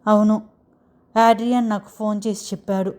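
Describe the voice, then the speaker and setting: A woman's voice: medium pitch, flat delivery, normal speed, a little mellow, natural voice. A woman reading the lines of a protective young husband in a story, doting and anxious, in her own voice. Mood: worried. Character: protective young husband, tender but fierce.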